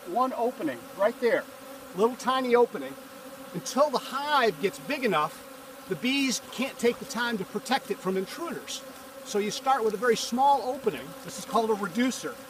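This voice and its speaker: Filmed from a few feet off on a farm, a man in a bee suit and veil narrates a relaxed hive inspection, explaining each step while he works. He's a hobby beekeeper with a voice that sits high. The outdoor camera sound is distant, and bees buzz in the background along with other noise.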